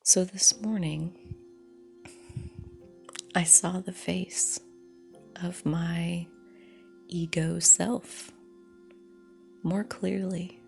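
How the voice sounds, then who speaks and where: Slow, very creaky woman on a voice memo. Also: fairly low pitch, steady tone, a little mellow, soft background music. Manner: reflective, halting with long pauses. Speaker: solo storyteller. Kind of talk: personal spoken reflection, dictaphone-style voice memo. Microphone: phone voice recorder. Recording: dictaphone-style phone voice recorder.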